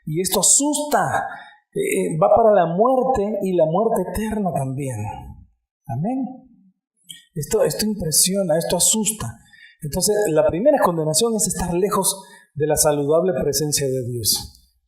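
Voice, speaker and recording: A male pastor preaches a sermon, frequently calling out "amén" and speaking directly to the congregation. His high voice is animated and a little mellow, at a measured pace, with a roomy sound.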